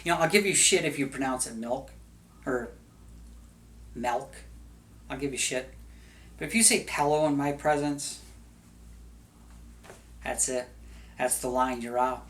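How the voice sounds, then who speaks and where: A man's voice: medium pitch, moderate pace, long pauses, poor audio. A middle-aged man from the United States hosting a video, talking in a casual, rambling monologue full of wandering, jokey asides. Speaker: video host. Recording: steady background noise.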